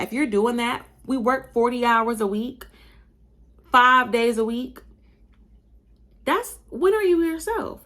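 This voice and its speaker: A young woman hosting a podcast offers her opinions in a casual, chatty monologue at a medium pitch. Originally from Buffalo, New York, she has a slightly Southern-sounding accent, speaks animatedly and emphatically, and addresses listeners as y'all.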